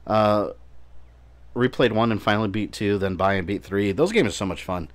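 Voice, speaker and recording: A man's voice: fairly low pitch, animated, normal speed. A man from Puerto Rico chatting casually and swearing while he streams a game. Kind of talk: live gameplay commentary. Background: game music and gunfire.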